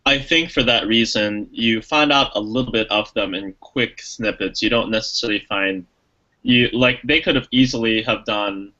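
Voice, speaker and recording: A man's voice: on the low side, moderate pace, bright, forceful tone, highs cut off. A man co-hosting a podcast, chatting casually and enthusiastically about a movie, rambling with lots of fillers. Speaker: podcast co-host. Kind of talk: casual movie review chat.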